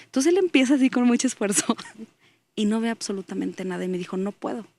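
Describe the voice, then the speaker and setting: A woman's voice: a little high, animated, brisk, warm tone. A woman, a guest giving an earnest faith testimony as she tells a story and acts out the dialogue in it.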